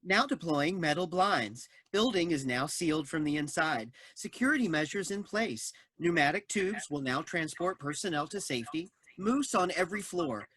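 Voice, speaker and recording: A woman voicing a building's robotic security system in clipped, monotone announcements. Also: low voice, moderate pace, few pauses, breathy edge, dry recording, exaggerated voice.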